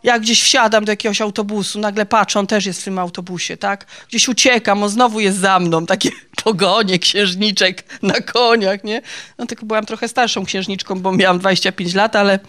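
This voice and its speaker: A woman's voice: mid-range voice, fairly even intonation, a little fast, fairly bright tone. A woman giving a personal faith testimony to a group of women, chatty and confiding, laughing at her own stories. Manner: chatty and confiding, ends phrases with "nie?".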